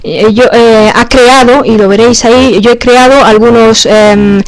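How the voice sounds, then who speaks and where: A woman's voice: a little high, fairly even intonation, measured pace. A woman teacher giving a conference talk on pronunciation teaching, speaking hesitantly with many fillers and restarts. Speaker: language teacher presenting.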